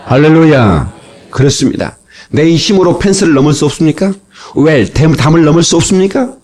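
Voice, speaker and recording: A man preaching a sermon as pastor, telling stories with lively asides and sudden shouted exclamations, heard from an old cassette tape. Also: on the high side, fairly quick. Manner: animated storytelling with shouted exclamations.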